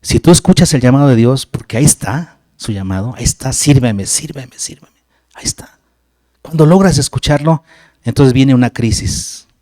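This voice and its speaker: A man preaching a sermon, animated and acting out biblical dialogue. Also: medium pitch, a little fast, no echo, clean studio sound. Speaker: pastor. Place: church.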